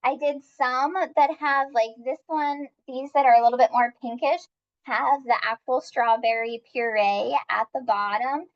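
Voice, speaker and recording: A woman's voice: high voice, fairly even intonation, a little slow, muffled recording. A woman leading a live-streamed cooking class, upbeat and chatty as she talks viewers through each step.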